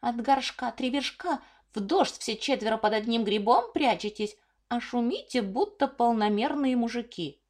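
A woman voicing an old, fat, stingy female ground beetle in a storybook reading, squeaky and scolding. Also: animated, normal speed, darkish tone. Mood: mocking.

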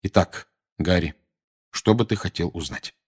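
A man with a husky voice reading aloud, voicing a brooding grown wizard who speaks low and quietly. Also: a little slow.

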